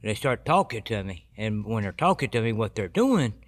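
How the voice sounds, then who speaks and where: A man giving his personal recovery testimony as a podcast guest, earnest and halting with many restarts. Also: lowish voice, sing-song.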